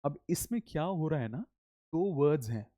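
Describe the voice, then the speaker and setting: A man teaching English in Hindi, leading slow, animated repeat-after-me drills. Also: on the high side, dry recording, clean studio sound. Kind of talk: spoken English lesson in Hindi.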